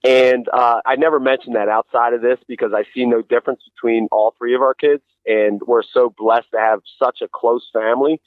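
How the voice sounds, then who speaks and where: A man's voice: medium pitch, fairly even intonation, fairly quick, hardly any pauses, dry recording. Middle-aged man, thin phone-like radio sound. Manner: earnest, explanatory, uses rhetorical questions. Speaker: interview guest. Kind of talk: conversational motivational relationship advice.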